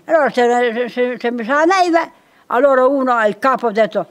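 An older woman, telling local stories in halting speech that often repeats itself. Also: fairly high pitch, animated. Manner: halting, repetitive, searching for words. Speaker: local storyteller. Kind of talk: casual reminiscing chat.

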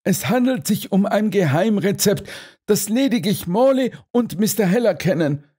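A man's voice: sits high, lively intonation, moderate pace, dark tone, slightly rough, pitched above the performer's own voice. A man reading an audiobook, voicing a cook who politely and apologetically refuses. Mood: apologetic.

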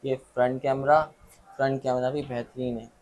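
A man with a Pakistani Urdu accent, pitching phones from his mobile shop, listing specs and prices and checking "okay?" as he goes. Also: level tone, darkish tone. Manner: brisk, lists specs, repeats "okay?" to check understanding. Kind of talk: sales pitch to camera.

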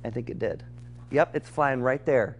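A man's voice: medium pitch, normal speed, creaky, dull audio, slight background noise. A man presenting live TV weather in a studio, with casual asides.

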